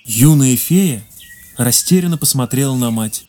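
A narrator reading a fairy tale in a measured, expressive way. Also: mid-range voice. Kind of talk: storybook narration.

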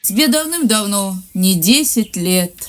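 A narrator voicing a tired fairy mother who gently scolds her daughter in a storybook. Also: high-pitched, lively intonation, a little slow, pitched above the performer's own voice. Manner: sad, admonishing.

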